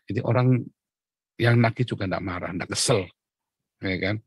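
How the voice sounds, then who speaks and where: A man preaching a conversational devotional sermon, often asking his listeners questions, clearing his throat and chuckling. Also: fairly low pitch, moderate pace, no echo.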